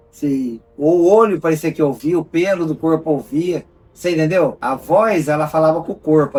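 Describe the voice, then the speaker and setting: Over faint background music, a middle-aged Brazilian man recounts his personal testimony in a fairly high voice. He tells it like an animated storyteller, swinging his pitch as he acts out the dialogue. At tense moments he sinks into a hushed, low tone. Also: breathy edge, far from the mic. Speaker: founder of a rescue project, telling his story. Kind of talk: personal testimony in casual conversation.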